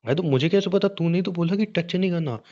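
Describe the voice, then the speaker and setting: In a conversational audio drama, a man plays a hot-tempered, suspicious young husband who is confused and bluntly badgers with repeated questions. His natural voice sits high, brisk and mellow. The recording has a dull, lo-fi call-recording sound.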